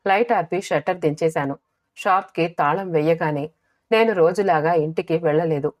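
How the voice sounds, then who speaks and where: A woman narrates a dramatic first-person story for an audiobook. Her delivery is measured and expressive, and her voice sits somewhat low for a woman.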